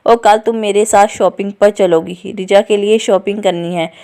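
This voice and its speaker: A cold young husband voiced by a woman storyteller hands out orders in a curt, flat tone. Her voice is smooth and clear at a middle pitch. It sounds like a novel read aloud. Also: normal speed, lightly acted. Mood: cold commanding.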